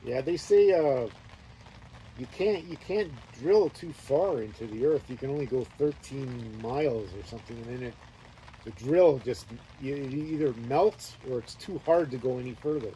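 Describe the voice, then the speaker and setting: Man hosting a casual chat, laid-back storyteller, warm and mellow voice, faint noise. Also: medium pitch, normal speed, rough recording. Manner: laid-back, meandering storytelling, laughs often. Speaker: host.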